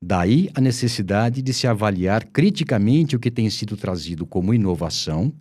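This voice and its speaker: A man's voice: lowish voice, expressive, moderate pace, a little mellow. A man with a Brazilian accent reading a letter aloud in a formal, emphatic way. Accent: Brazilian Portuguese.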